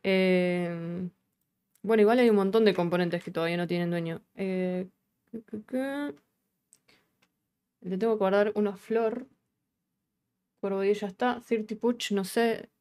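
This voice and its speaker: A woman speaking Rioplatense Argentine-accented Spanish hosts a laid-back coding stream, voicing her thoughts and swearing casually. Her mid-range voice is dark and smooth, at a moderate pace with fairly even intonation.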